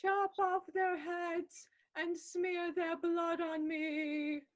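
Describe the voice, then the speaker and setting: A woman's voice: very high voice, level tone, drawn-out words, muffled recording, slight background noise, full character voice. A woman playing the ghost voice of a faithful male servant turned to stone, eerie and drawn out, in a stage comedy. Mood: eerie, solemn. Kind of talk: stage comedy acting over video.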